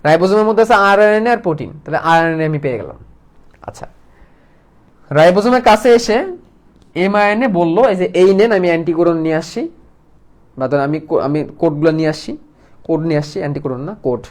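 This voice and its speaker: A man teaching a casual biology lesson, lively and full of questions to students. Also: on the high side, fast, pauses often. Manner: lively, asks students questions and plays out molecules as characters.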